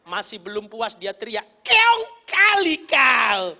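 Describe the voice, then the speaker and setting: A man voicing a hot-tempered middle-aged male driver, shouting curses. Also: high-pitched, fairly even intonation, normal speed, dull audio, slight background noise. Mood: angry.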